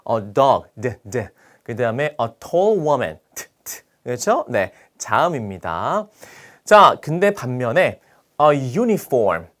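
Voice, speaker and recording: A man teaching an English grammar lesson in Korean, asking rhetorical questions and checking in with his students again and again. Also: a little high. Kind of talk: recorded grammar lecture.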